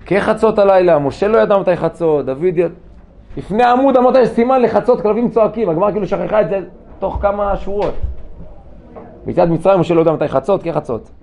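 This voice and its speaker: Rabbi teaching a lively class. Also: male voice, sits high, gravelly. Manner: lively, asks students questions, jokes. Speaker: yeshiva rabbi giving a class. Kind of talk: informal Torah class to students. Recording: dull lo-fi room recording with faint noise.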